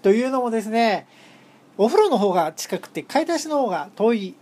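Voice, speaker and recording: A woman's voice: a little high, very animated, a little fast, dark tone. A woman hosting her own talk show, recounting a solo camping trip in a polite, formal way with humorous asides and frequent hesitations. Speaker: podcast host. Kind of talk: solo travel storytelling.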